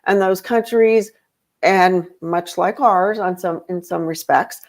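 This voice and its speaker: A woman's voice: on the low side, slow pace. Woman chatting with many fillers. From grew up in Europe. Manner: rambling, with many fillers and restarts. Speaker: podcast guest. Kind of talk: casual conversation.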